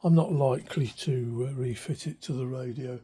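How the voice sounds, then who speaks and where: Here a hobbyist radio restorer, an older man, walks through an informal demonstration without a script, pausing thoughtfully and sounding hesitant. His medium-pitched voice is warm and husky at an ordinary speed, captured by a handheld phone behind the camera in a cramped, cluttered indoor room.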